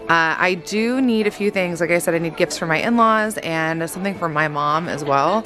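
A middle-aged mother films a casual family shopping vlog on a handheld camera, first in a car and then in a store, chatting and rambling with plenty of ums. Winded from running in, she speaks in a lowish, bright, forceful voice at a moderate pace, with faint music in the background.

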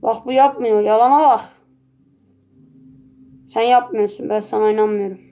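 A woman hosting her own gaming channel, giving casual running commentary over gameplay, easily excited and quick to swear and yell at the game. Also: a little high.

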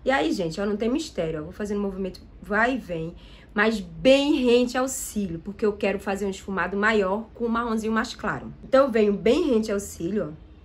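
A Brazilian makeup vlogger with a medium-pitched, animated voice chats enthusiastically with viewers at a brisk pace while testing products. She speaks with a Brazilian Portuguese accent.

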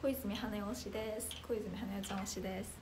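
In a casual livestream, a young woman reads out what viewers write and reacts with bubbly excitement. Her anime-like voice sits at medium pitch and is loud, clear and carrying; she speaks a little fast, with slight background noise.

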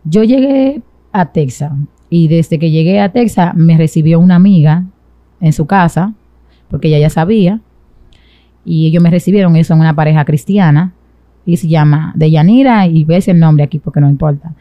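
Her low voice has a dark tone and a normal speed as this young adult woman from the Dominican Republic tells her story, in a Dominican accent, as an interview guest. The setting is a small studio with a sofa, and a close boom-arm mic yields a dry recording.

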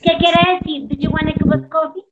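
High-voiced woman teaching English, echoey. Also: fairly even intonation, loud music behind the voice. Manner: patient, affectionate, repeats prompts slowly. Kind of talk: teaching an online class. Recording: echoey, muffled.

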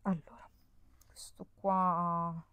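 A woman's voice: on the low side, level tone, drawn-out words, sharp tone, clean tone, no room sound. A young woman, chatting casually and exclaiming often as she sorts through makeup at home. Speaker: beauty vlogger. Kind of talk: casual chat while decluttering makeup. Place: indoors at home, on a bed. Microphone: camera mic, face off-screen.

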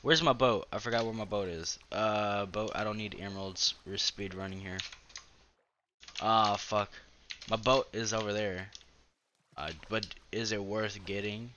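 A man giving casual gameplay commentary as host of his own gaming channel, excitable and profane, trash-talking and breaking into sudden yelps. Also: on the low side, measured pace, dull audio, slight background noise.

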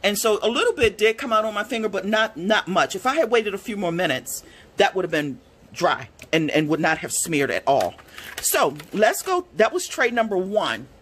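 A woman reviewing art supplies in a casual swatch video, gushing and excitable, gasping and squealing over the colors. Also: medium pitch, moderate pace, a little hiss or hum. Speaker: product reviewer.

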